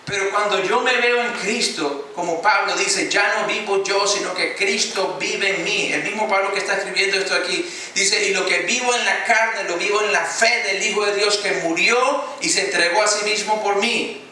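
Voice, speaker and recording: A man's voice: sits high, steady tone, moderate pace, few pauses, pushed and bright, slight background noise. A male pastor preaching a sermon in an emphatic way, calling out to the congregation and waiting for them to answer. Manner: emphatic preaching with call-and-response. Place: church hall. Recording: echoey church hall from a distance.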